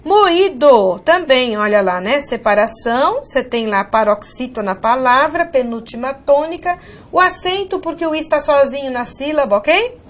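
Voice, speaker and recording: A woman's voice: high voice, expressive, normal speed. A woman with a Brazilian Portuguese accent teaching a grammar video lesson for exam prep. She walks through examples one by one and keeps checking in with "ok?" and pointing the viewer to the board.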